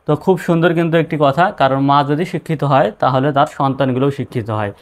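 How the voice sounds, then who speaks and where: Male teacher, mid-pitched voice, patient and methodical, spells each word out letter by letter. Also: quick pace. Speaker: English teacher. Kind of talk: spelling lesson.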